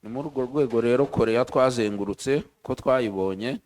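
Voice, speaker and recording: A man from Rwanda giving an earnest church testimony, speaking in short phrases and pausing so an interpreter can follow. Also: medium pitch, a little mellow. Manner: earnest, pauses for interpreter after each phrase.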